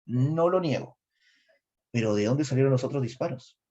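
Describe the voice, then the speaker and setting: A middle-aged man with a Peruvian accent giving a lively history lecture, quizzing his students as he goes. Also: mid-range voice, moderate pace. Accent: Peruvian Spanish. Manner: asks students questions, animated. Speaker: history teacher. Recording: slightly dull lo-fi recording.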